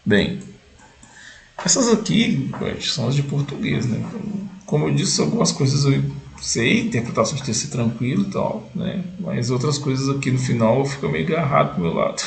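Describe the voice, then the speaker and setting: Casual Brazilian male tutor with a middle-pitched, gravelly voice, thinking aloud at the computer. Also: lively intonation, moderate pace. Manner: thinks aloud, reads questions and checks answers. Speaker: exam-prep video host. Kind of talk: casual exam walkthrough.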